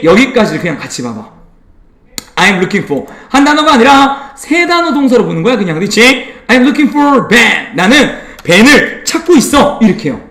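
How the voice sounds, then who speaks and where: A man teaching English in a slow, unhurried classroom lecture, his voice pitched high and swinging widely. He keeps checking in with the class and playfully nags students to repeat phrases. The sound carries a roomy classroom echo. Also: fairly bright tone. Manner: drills pronunciation, teases students. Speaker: middle school English teacher.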